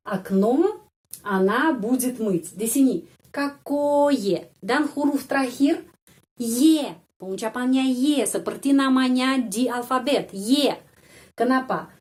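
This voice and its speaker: A woman teaching a language lesson, speaking slowly and repeating each word carefully to drill pronunciation. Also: on the high side, a little mellow.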